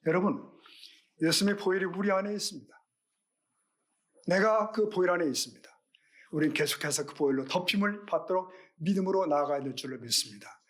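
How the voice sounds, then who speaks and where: A man's voice: a little high, fairly bright tone. A middle-aged male pastor giving a Sunday sermon, earnest and questioning, with rhetorical questions to the congregation.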